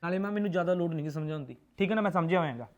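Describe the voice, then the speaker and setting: A man's voice: fairly high pitch, animated, very fast, close to an everyday voice. An actor playing a hot-tempered young husband who argues defensively with his mother. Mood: resentful. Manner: resentful, argumentative. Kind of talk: film drama dialogue.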